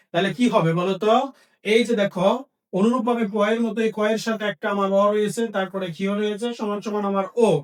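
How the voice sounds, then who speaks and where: A high-voiced man, recorded far from the mic, teaches Bengali grammar by asking questions and supplying the answers himself, repeating each key point.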